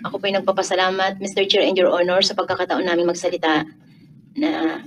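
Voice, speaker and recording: A woman respondent giving a quiet, polite, hesitant statement at a hearing. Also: lowish voice, level tone, brisk, muffled recording, slight background noise.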